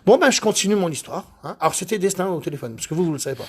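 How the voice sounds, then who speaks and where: Man excitable, high-pitched and fast. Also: husky. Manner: excitable, boastful, rambling. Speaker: car detailer. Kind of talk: casual chat while working.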